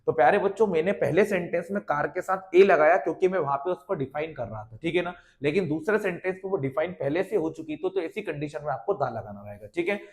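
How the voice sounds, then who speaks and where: High-voiced Hindi-accented grammar teacher. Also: male voice, expressive, fast talker, hardly any pauses. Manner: addresses students as dear children, repeats "ठीक है ना". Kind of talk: classroom lesson explaining slides.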